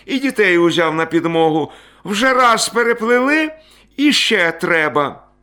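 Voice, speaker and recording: A man's voice: high-pitched, very animated, measured pace, sharp tone, pitched above the performer's own voice, full character voice. A man reading as a stern, trembling father. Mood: feigned calm. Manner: tense, voice trembling. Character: stern weary father, middle-aged man, grim.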